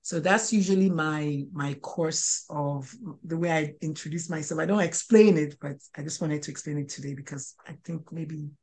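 Deep-voiced and a little dark in tone, this woman in her sixties talks at a moderate pace with few pauses. She is a pediatrician and life coach appearing as an interview guest, and her conversation is full of restarts and fillers.

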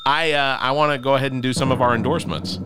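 A man's voice: medium pitch, steady tone, fast. Man, podcast host, rambling, fillers, noisy recording. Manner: rambling, restarts with many fillers. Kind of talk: casual podcast chat.

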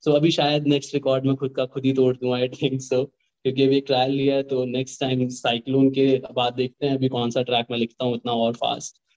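A man's voice: mid-range voice, monotone, a little fast, a little mellow, highs cut off. A young man, a rapper, talking earnestly and at length in a casual interview, mixing in English phrases. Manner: earnest, rambling, mixes Hindi and English. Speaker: rapper guest.

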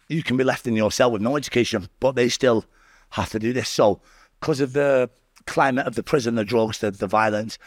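A man with a Manchester accent talks as a guest in a casual interview. His voice sits at a middling pitch in a very dry recording. He tells stories in slangy, sweary speech and keeps checking in with the listener. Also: dry recording. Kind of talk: casual autobiographical storytelling.

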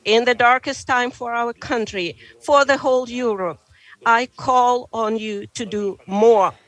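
A woman giving a simultaneous translation voice-over of a speech in a measured, deliberate way. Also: on the high side, steady tone, a bit bright, no room sound. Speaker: interpreter. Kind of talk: simultaneous interpretation.

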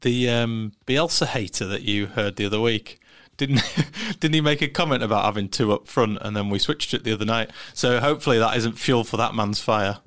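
A man in his thirties with a clean, smooth voice giving a casual football preview on a podcast. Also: lowish voice, a little fast, few pauses, a bit bright. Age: 30s. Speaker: podcast co-host.

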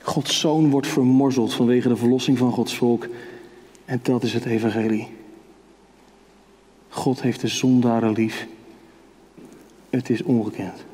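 A man preaching a sermon with passion, dropping to hushed whispers and rising to high, urgent calls. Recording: long hall reverb.

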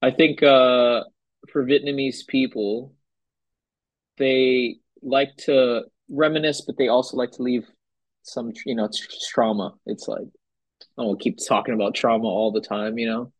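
A young man from Hawaii, a guest musician, talking in a loose, relaxed way full of fillers. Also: medium pitch, a little slow, dry recording, rough recording. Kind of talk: casual conversation.

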